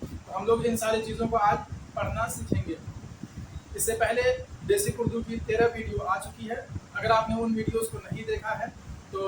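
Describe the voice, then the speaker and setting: A man's voice: extremely high pitch, recorded from a distance. A man teaching a beginner language lesson, patiently asking questions and answering them himself, repeating key words. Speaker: Urdu teacher. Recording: echoey, mic set back, traffic noise.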